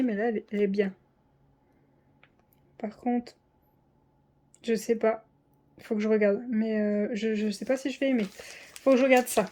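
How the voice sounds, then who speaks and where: A woman chatting casually through an unboxing, full of fillers and self-deprecating asides. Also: a little high. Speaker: diamond painting vlogger.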